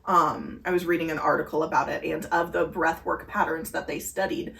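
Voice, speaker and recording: A woman's voice: low-pitched, steady tone, a little fast, creaky, fairly bright tone, far from the mic. A woman co-hosting a podcast, earnestly explaining breathing exercises in casual chat with many fillers. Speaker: podcast co-host. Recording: echoey room heard from afar.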